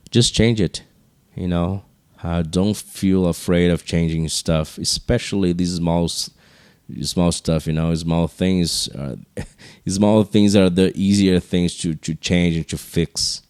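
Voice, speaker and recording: A man hosting a podcast solo, speaking slowly in a low, hushed register with casual, rambling, earnest encouragement. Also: clean tone, dry recording, studio quality. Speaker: podcast host.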